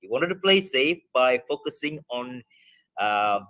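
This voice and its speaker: A man's voice: medium pitch, lively intonation, measured pace, sharp tone. A man speaking over a video call as a debate judge, giving loose, filler-heavy feedback to students. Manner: rambling, many fillers and restarts. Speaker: debate adjudicator.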